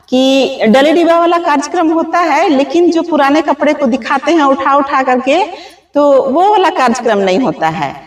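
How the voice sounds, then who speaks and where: A woman, chatting casually to her viewers outdoors and often calling them friends. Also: high-pitched. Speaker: vlogger. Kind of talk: casual vlog chat to viewers. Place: outdoors under open sky. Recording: distant, roomy-sounding mic.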